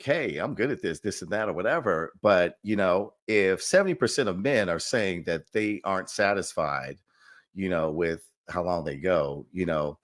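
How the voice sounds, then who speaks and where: A man, a doctor co-hosting a podcast, talking casually in a relaxed, rambling way with lots of fillers. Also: deep voice. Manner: relaxed, rambling with many fillers, laughs often. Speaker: doctor co-host.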